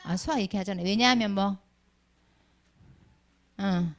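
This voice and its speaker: In a mid-range voice touched with vocal fry, a middle-aged woman talks a little slowly. It's a Sunday school children's sermon, and she keeps calling on kids by name and quizzing the class with many questions.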